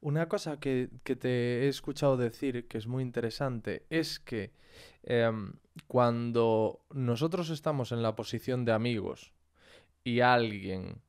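A man's voice: medium pitch, a little slow, clean tone. A man with a Spanish accent from Spain, hosting a podcast and asking attentive, reflective questions. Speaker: podcast host. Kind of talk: conversational interview.

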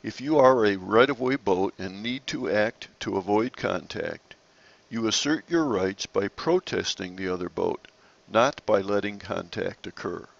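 A man narrating a slide-based lesson on sailing rules in a measured, explanatory way. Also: fairly low pitch, vocal fry, muffled recording. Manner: measured, explanatory, occasional restarts.

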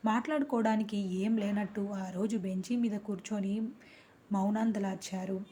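A woman's voice: mid-range voice, moderate pace, slight background noise. Woman narrating a dramatic family story. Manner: earnest, expressive reading.

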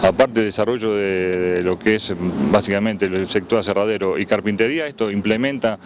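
Speaking briskly in a low voice, a middle-aged Argentine man in his fifties is interviewed for TV as a trade fair organizer. The handheld mic picks up outdoor street and traffic noise where he stands beside a building near a road.

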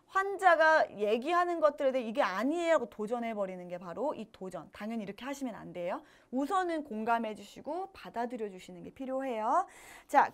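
Lively high-voiced woman lecturing. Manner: acts out patient and nurse lines in quick role-play. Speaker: nursing lecturer. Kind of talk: exam prep lecture.

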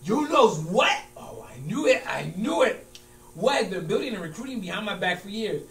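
Distant echoey room. Male actor as stubborn, argumentative coach in a comedy scene, very animated delivery. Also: high voice, normal speed, a little hiss or hum, full character voice. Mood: indignant. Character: stubborn, easily riled basketball coach arguing with friend. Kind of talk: acting class comedy scene. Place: large room with small stage, indoors. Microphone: far camera.

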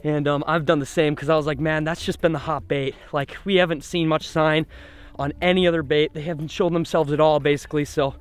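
A young man vlogging about his fishing trip outdoors, talking casually and excitedly into a camera held at arm's length. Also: a little high, fairly quick, clear, resonant tone. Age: young adult. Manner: excited, chatty, lots of "like" and "literally". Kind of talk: casual vlog narration. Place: outdoors on a boat on a lake. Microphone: action camera at arm's length.

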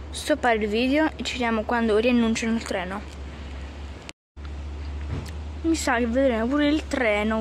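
Woman, high voice, casual halting train vlog, outdoor phone recording, clear background noise. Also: low-quality recording. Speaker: train-spotting vlogger. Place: outdoor railway station. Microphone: handheld phone, speaker off camera.

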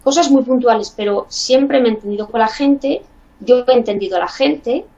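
A woman with a Spanish accent from Spain speaks as an interview guest. She talks in a chatty way, thinking aloud as she goes, and her fairly high voice sounds distant. The recording is dull and lo-fi. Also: moderate pace, dark tone. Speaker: guest, bilingual parent. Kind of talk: casual interview.

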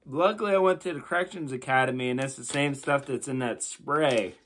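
A man's voice: medium pitch, brisk, background noise. A man in his thirties chatting informally to his viewers in a casual homemade vlog. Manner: informal, swearing, addressing viewers as guys. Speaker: vlogger doing a food challenge. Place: small indoor room at home. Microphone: phone at about arm's length.

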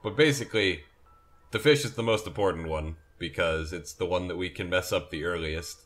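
A man's voice: deep voice, moderate pace, fairly bright tone, faint music behind. A sleepy young man rambling and correcting himself as he comments on a farming game he is playing. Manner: rambling, self-correcting, yawning. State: sleepy, yawning. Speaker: gameplay commentator.

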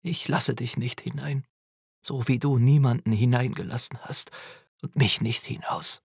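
A man's voice: mid-range voice, steady tone, a little slow, vocal fry, breathy edge, no echo, clean studio sound. A man doing a bitter, menacing boy. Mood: cold. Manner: threatening, half-whispered, voice breaking. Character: bitter, menacing young boy with fire powers. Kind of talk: audiobook character voice.

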